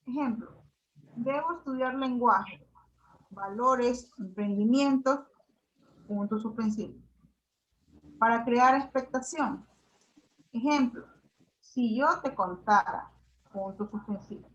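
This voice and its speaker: A woman reading a class presentation on punctuation, slowly and carefully going through examples. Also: a little high. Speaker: student presenter. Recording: dull lo-fi audio.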